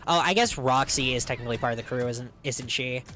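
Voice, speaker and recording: A young man giving casual, excited, rambling commentary while streaming a game, laughing often. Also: medium pitch, fast.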